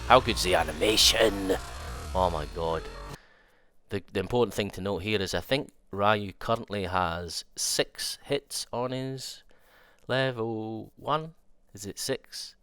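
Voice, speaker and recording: A young man with a nasal voice and a cold, excitedly rambling through a fighting game trailer breakdown and thinking aloud with restarts. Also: lowish voice. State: has a cold. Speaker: fighting game content creator.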